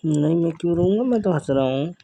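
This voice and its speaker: Sulky young man on a call, dark voice. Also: a little high, lively intonation, fast, creaky. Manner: sulky, hurt, keeps insisting he is fine. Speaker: boyfriend on a phone call. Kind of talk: staged romantic phone call.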